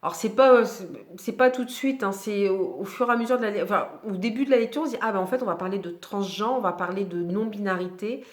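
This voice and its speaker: Woman book vlogger, casual and hesitant, mid-pitched, recorded in a roomy space. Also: fast talker. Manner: chatty, hesitant with many fillers and restarts. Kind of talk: casual book review chat. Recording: echoey room.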